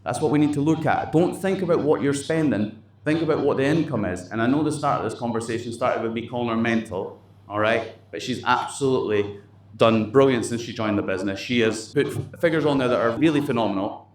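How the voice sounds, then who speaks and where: Speaking at a fairly quick clip in a mid-range voice, a man leads a staff meeting for his company, blunt and motivational, with casual swearing mixed in. The indoor office meeting room gives the recording a roomy echo and faint background noise.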